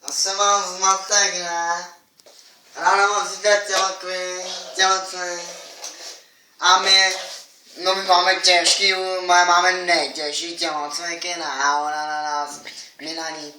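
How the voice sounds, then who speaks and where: A man's voice: high-pitched, flat delivery, pushed and bright. A young man rambling to the camera in a brash, crude, taunting way. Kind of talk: rambling boastful monologue to camera. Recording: echoey room, mic at a distance, faint hiss.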